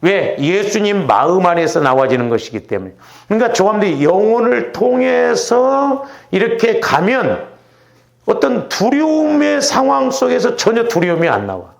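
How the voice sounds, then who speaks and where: A man's voice: high-pitched, sing-song, normal speed, gravelly. A middle-aged male pastor from the Jeolla region preaching at a Wednesday prayer service in a church, chatty and often asking the congregation "right?". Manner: conversational, keeps asking the congregation "응?". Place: church sanctuary.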